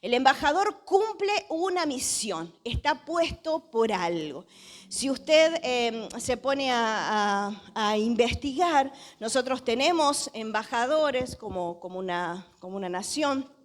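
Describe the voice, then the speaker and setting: High-voiced Argentine woman preaching. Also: takes it slowly. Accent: Argentine Spanish. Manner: lively storytelling with rhetorical questions to the congregation. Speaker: pastor. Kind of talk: sermon.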